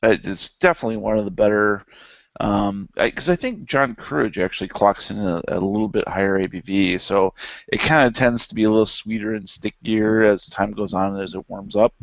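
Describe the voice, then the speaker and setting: Man, low gravelly voice, dry dull lo-fi sound, casual beer chat, rambling. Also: brisk, no echo. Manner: relaxed, rambling, many fillers. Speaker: beer review podcast co-host.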